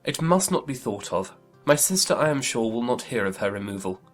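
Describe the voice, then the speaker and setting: A woman voicing an amiable, earnest young gentleman in a dramatized audiobook, with polite, emphatic phrasing. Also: extremely low pitch, very animated, a little fast, faint music behind, voice pushed down, heavily acted. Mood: alarmed. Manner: polite, emphatic period speech. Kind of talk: dramatized audiobook character reading.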